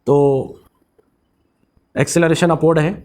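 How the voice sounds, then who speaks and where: A man with a raised, high pitch teaches physics to a class in Hindi with a Marathi-influenced accent. He drops English technical terms into his sentences. He keeps asking the students questions and then gives the answers himself. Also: little pitch movement, measured pace, a little mellow. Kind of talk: classroom lecture.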